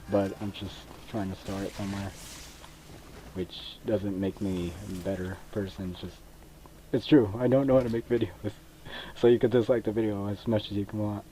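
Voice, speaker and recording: Speaking in a lowish voice with a dark tone, a young Mexican gaming video creator chats over his gameplay, rambling hesitantly with many fillers. The rough recording from his cheap computer microphone has slight background noise and controller clicks.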